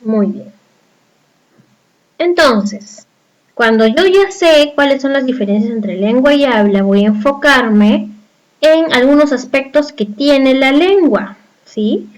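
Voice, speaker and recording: A woman's voice: sits high, lively intonation, slow, low-quality recording. A woman from Peru with a Peruvian accent, teaching a video lesson and explaining step by step while asking her viewers rhetorical check questions. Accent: Peruvian Spanish.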